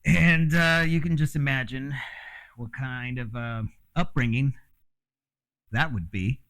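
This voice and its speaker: A host who grew up in Mexico delivers a rambling, frank casual monologue, full of fillers and the odd curse. His mid-range voice is slow and a bit bright.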